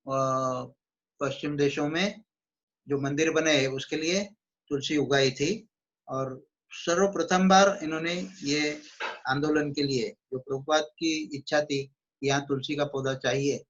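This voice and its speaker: A man reading a devotional book aloud and explaining it in his own words, with slow recited verses and small restarts. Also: fairly high pitch, fairly bright tone, lo-fi sound. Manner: chants Sanskrit verses in a slow measured recitation. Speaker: devotional book reader and teacher.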